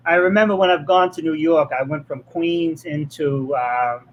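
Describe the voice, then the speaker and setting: A man's voice: on the high side, a little slow, dull audio. A man with a Boston accent hosting a live online interview, chatty and joking, often tagging on "right?". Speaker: host.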